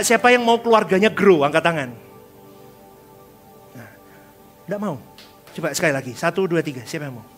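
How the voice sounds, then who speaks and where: A male pastor giving a lively sermon in church, joking with the congregation and calling for responses, dropping in English words. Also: high voice. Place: church service before a congregation.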